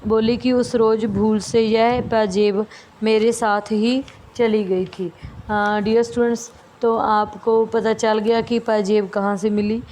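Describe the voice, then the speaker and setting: Woman teacher reading a story out slow, kinda high even voice, bit of hiss behind. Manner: slow, careful reading with small restarts and fillers. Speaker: school teacher. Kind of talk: reading a story aloud, then explaining to students. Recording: faint background noise.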